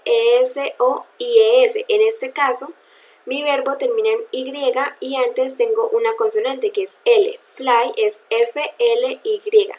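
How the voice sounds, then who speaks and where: Woman teaching english grammar, slow and careful, bit high voice, keeps checking everyone's following. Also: darkish tone, poor audio. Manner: patient, spells out letters, checks in with "¿listo?". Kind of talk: recorded grammar lesson.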